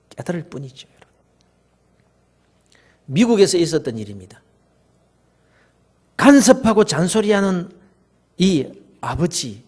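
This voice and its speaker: Man preaching with a lively, gravelly voice. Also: sits high. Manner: storytelling, dramatic shifts between loud and soft. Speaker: pastor. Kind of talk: sermon.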